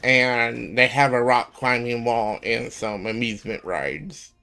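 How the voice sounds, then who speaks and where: A man in his twenties chatting casually on a live stream, rambling with lots of ums and pauses. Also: medium pitch, steady tone, creaky, pushed and bright, faint music behind. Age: 20s.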